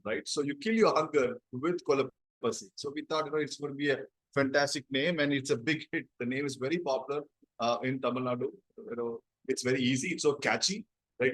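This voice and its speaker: A man's voice: medium pitch, no room sound, poor audio. A man with a South Indian accent speaks as a founder being interviewed. He explains things in a conversational storytelling way, often checking in with tag questions. The sound is dry, with very little room. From Chennai, South India. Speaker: interview guest, company founder.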